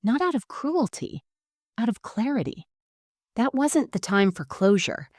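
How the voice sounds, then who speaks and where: A woman narrating a first-person story in a calm, measured, composed way. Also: a little high, no echo, clean studio sound.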